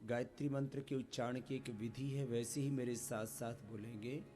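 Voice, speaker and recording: A man teaching a yoga class, leading slow chants and having the group repeat after him. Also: mid-range voice, fairly even intonation, dark tone, faint music behind. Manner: slow, drawn-out chanting and call-and-response teaching. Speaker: yoga instructor.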